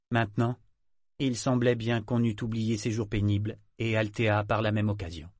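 This is scripted audiobook narration by a man with a mid-range voice, delivered in a measured yet expressive way. The sound is clean studio audio with no room echo.

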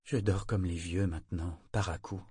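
A man reading the part of a sleepless widowed mother, speaking in a hushed, soft voice. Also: low-pitched, fairly even intonation, moderate pace, slightly rough, dry recording, studio quality. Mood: weary. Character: weary widowed mother, older woman, sleepless.

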